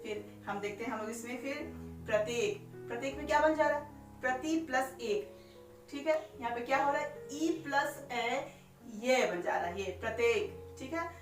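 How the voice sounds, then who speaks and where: A woman's voice: a little high, lively intonation, moderate pace. A woman teaching a grammar lesson step by step, asking herself questions and stretching out sounds as she spells them. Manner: repeats each step with rhetorical questions. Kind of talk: classroom-style explanation. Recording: echoey room, far from mic, faint music.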